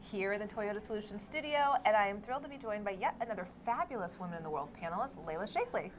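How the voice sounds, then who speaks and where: A woman columnist interviewing a guest at an event studio, upbeat and gushing with quick reactions. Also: mid-range voice, expressive, background noise. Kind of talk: casual interview chat.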